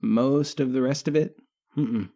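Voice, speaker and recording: Podcast co-host, man in his thirties, warm dark tone, teasing banter. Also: mid-range voice, a little slow. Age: 30s. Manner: joking, teasing banter with frequent laughs. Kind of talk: casual podcast chat.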